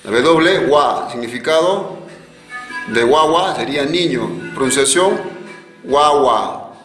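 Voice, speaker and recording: A man teaching a virtual language class, slowly repeating each word so learners can echo it. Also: medium pitch, lively intonation, a bit bright. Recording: echoey room with faint music.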